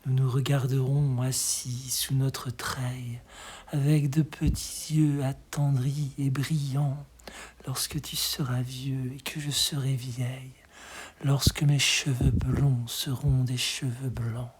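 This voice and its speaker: This is a measured poetry recitation, tender and expressive, given by a reader whose medium-pitched voice is hushed and breathy.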